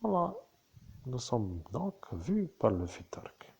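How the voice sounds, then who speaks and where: A man speaking as a medium in a channeled spiritual talk, with slow, halting and repetitive phrasing. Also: medium pitch, sing-song, vocal fry, darkish tone, slightly rough. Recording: dull lo-fi recording.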